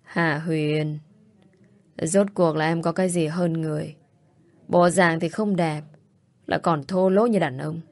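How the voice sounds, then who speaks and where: A drunken young man, voiced by a woman storyteller in a storybook reading, calling loudly and then mumbling in slurred pleas. The voice sits fairly low. The recording is close and dry. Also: steady tone, a little slow, long pauses, dry recording. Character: drunk remorseful young man, pleading, brash.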